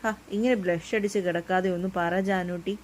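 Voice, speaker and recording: A woman's voice: fairly low pitch, fairly even intonation, normal speed, slight background noise, close to an everyday voice. A woman reading as a teasing young man in love. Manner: teasing, coaxing. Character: teasing young man, playful and sulky lover.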